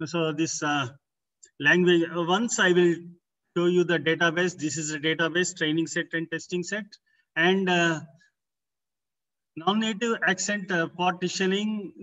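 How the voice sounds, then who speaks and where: A man giving an academic research presentation, explaining in short, halting phrases as a conference presenter. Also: high-pitched, bright, forceful tone. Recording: distant, far from the microphone.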